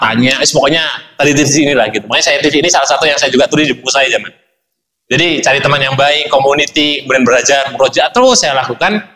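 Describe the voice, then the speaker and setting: Bright-voiced male preacher telling stories. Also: fairly high pitch. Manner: animated storyteller, acts out dialogue, addresses congregation often. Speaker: Islamic preacher. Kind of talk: sermon with personal storytelling.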